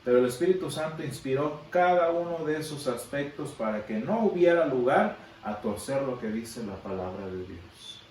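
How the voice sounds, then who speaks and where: A man's voice: medium pitch, lively intonation, normal speed, few pauses, a little mellow, a little hiss or hum. A man teaching a Sunday school Bible class, explaining patiently and asking his listeners questions. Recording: echoey room, from far off.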